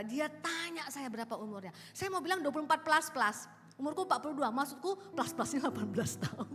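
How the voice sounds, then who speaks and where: A woman in her late fifties preaching a sermon as pastor, telling stories with animated bursts of loud exclamation. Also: high voice. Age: 50s. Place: large church auditorium. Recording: reverberant hall with music underneath.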